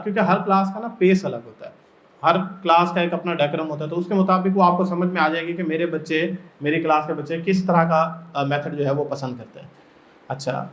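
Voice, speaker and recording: A man from Pakistan training teachers in a workshop, explaining step by step and often putting questions to the room. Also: high voice. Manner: explains step by step and keeps asking the audience questions. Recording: echoey room, dull lo-fi sound.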